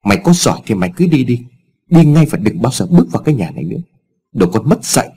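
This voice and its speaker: A man's voice: medium pitch, very animated, quick pace, dark tone, slightly rough. A man voicing a stern, wealthy old father in a told story, speaking in harsh, clipped scolding tones. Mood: furious.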